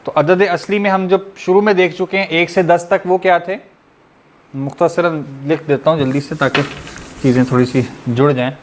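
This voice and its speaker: A methodical male teacher leads an online lesson over a video call, his voice sitting a little high. He keeps asking the class question after question and explains each point patiently, with a faint hum underneath. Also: steady tone, moderate pace. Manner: quizzes the class with repeated rhetorical questions.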